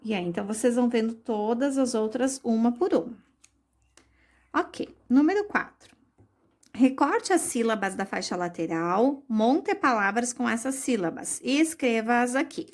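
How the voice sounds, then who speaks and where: A woman teaching young children a recorded lesson, explaining slowly and patiently, with many diminutives. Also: a little high, lively intonation. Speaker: primary school teacher.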